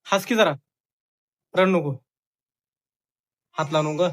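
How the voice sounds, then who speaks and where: A father vlogging at home, talking softly and soothingly to comfort his crying young daughter. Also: fairly high pitch, slow pace. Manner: soothing, coaxing a crying child. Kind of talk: casual family vlog.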